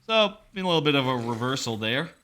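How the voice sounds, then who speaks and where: A man's voice: mid-range voice, sing-song, brisk, sharp tone, a little hiss or hum. A man giving casual game commentary as a gaming video host, musing tentatively with wry asides into a close mic. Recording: game music under the voice.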